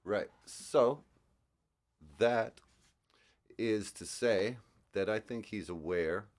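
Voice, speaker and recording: A guitarist with a lowish, darkish voice speaks extremely slowly as he casually breaks down a song. His commentary is explanatory and thoughtful, peppered with fillers, with music playing in the background.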